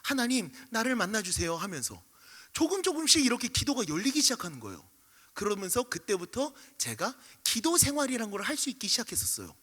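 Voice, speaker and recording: High, lively Korean pastor in a reverberant hall. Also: male voice, brisk, breathy edge. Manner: lively, acts out scenes, shouts and mimics voices. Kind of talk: animated storytelling sermon. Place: church sanctuary. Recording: livestream with long hall reverb.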